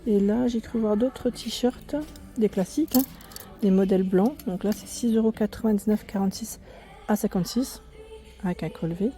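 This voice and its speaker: A woman's voice: mid-range voice, moderate pace. A woman vlogger chatting her way through a clothing store, correcting herself often and speaking up over the store's music. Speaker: fashion vlogger. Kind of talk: casual in-store clothing walkthrough. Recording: faint store music behind. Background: loud in-store music.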